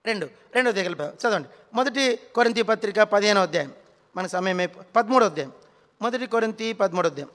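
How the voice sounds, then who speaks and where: A man's voice: high-pitched, animated, fairly quick, a bit bright. A man in his forties preaching a sermon in a church hall, urging the congregation to repeat lines and telling humorous stories. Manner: storytelling with humor and rhetorical questions. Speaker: pastor.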